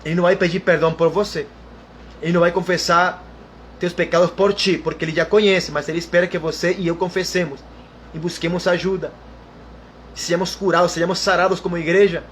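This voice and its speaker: A man with a rather high voice delivers a sermon, repeating key phrases and calling on his listeners as brothers. His emphatic preaching carries over a faint background ambience. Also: level tone, a little fast, a bit bright, slight background noise. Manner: repetitive, emphatic preaching with frequent "irmão" and "aleluia".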